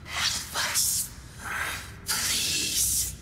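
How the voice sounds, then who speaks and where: An actor voicing a mournful ghost in a video game, pleading in a breathy voice with a ghostly echo. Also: male voice. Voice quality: breathy, unvoiced. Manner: slow, pleading. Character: mournful pleading ghost of a condemned dead brother. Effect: echoing ghostly reverb. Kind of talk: video game character dialogue. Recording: echoing, distant, under loud music.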